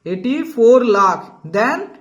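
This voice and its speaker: A man with a very high-pitched, expressive voice teaches a math lesson to students, speaking extremely slowly on a lo-fi recording. Upbeat and encouraging, he coaxes them along, repeats himself to prompt them, and calls the viewer "bhai" and "dost."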